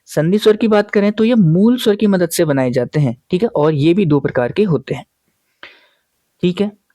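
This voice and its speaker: A male teacher walks his students through a lesson in a warm, mellow voice, patiently asking questions and then answering them himself. He keeps pausing to check that his listeners are following. The sound is close and dry, with no room around it. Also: high voice, animated, no echo. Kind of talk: classroom grammar lesson.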